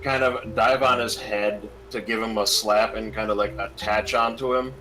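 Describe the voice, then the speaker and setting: A man's voice: fairly low pitch, fairly even intonation, normal speed, poor audio. Casual male tabletop player, faint music. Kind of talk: casual game chat.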